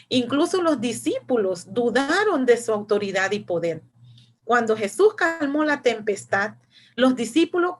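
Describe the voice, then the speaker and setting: A woman with a Panamanian Spanish accent leads a Bible class, her voice sitting a little high. She retells scripture with lively emphasis, stopping now and then on a hesitant filler. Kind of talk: Bible study teaching.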